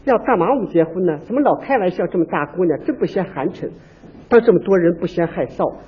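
A man's voice: sits high, lively intonation, fast, husky, pitched below the performer's own voice, full character voice. A man voicing chatty young unmarried women who tease and scold each other, on a dull lo-fi stage recording. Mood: coy scolding. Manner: coy bickering girlish chatter.

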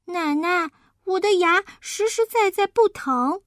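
A woman voicing a noisy, cheeky little boy who talks high, loud and insistent. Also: lively intonation, slow, dry recording, studio quality, exaggerated voice.

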